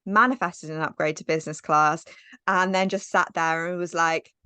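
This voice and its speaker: A woman's voice: sits low, steady tone, moderate pace, sharp tone, clear, resonant tone, no room sound. A woman in her thirties, a podcast guest chatting in a casual, storytelling way with lots of "like" and "um". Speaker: podcast guest, business mentor.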